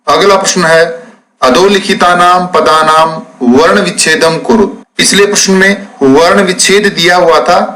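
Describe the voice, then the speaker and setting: Slow, deliberate male teacher. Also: a little high, fairly bright tone, poor audio. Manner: slow, deliberate, spelling out words syllable by syllable. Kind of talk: classroom lesson explaining textbook exercises.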